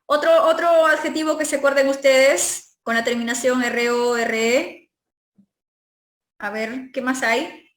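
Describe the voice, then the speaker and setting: Peruvian lady teacher, high voice, keeps asking "ya?" type check-ins, roomy echo. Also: fairly even intonation, a little slow. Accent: Peruvian Spanish. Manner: explanatory, checks in with frequent tag questions; stretches out and stresses example words. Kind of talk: exam review lesson. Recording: echoey room.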